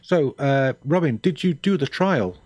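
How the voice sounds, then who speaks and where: A man's voice: a little high, animated, a little slow, darkish tone, no room sound. An older man chatting casually on a game stream, rambling with dry, self-mocking humor. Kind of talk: casual live-stream chat.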